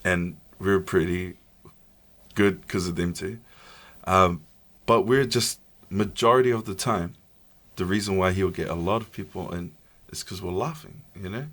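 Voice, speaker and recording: A man's voice: low voice, moderate pace, a bit bright. A man with a broad Kiwi New Zealand accent chatting casually in a slangy, joking, self-deprecating way. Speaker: podcast guest, musician and streamer.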